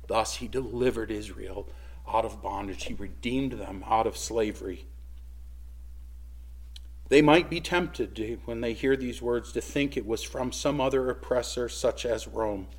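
A man preaching a sermon as pastor, earnest and rising in force when he reads scripture aloud. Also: medium pitch.

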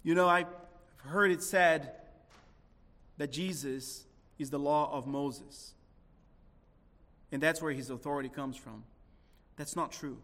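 A man preaching a sermon as pastor, slow and emphatic, rising into dramatic swells and dropping to hushed lines. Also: fairly high pitch, long reverb tail. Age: adult with a young son.

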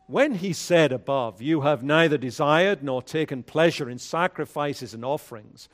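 A man speaking at a pulpit microphone, a pastor leading prayer and reading scripture in a measured, solemn way. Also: on the high side, expressive. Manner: measured, solemn liturgical delivery.

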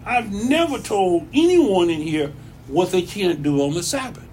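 Pastor guy preaching in church, kinda high voice, folksy, repeats himself, faint hum behind. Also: lively intonation, measured pace, darkish tone. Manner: folksy, repeats phrases for emphasis. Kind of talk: conversational sermon.

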